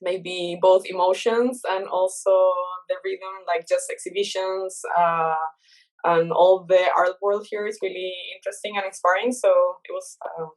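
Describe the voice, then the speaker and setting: A guest artist in her thirties from Chile speaks English as a second language with a Chilean Spanish accent during a casual interview chat. She is thoughtful, laughs often, and uses many fillers and restarts, in a lowish voice with fairly even intonation at normal speed. The audio quality is poor.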